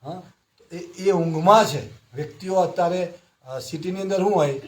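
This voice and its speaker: A man with a high-pitched voice, speaking at a moderate pace and slightly raised, leads a devotional scripture class. Like a teacher addressing a gathered group, he tells short stories and keeps putting rhetorical questions to his listeners.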